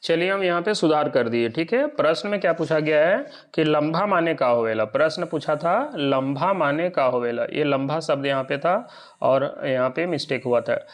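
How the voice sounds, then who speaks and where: A man teaching an exam lesson. He often checks whether his listeners are following. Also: a little high.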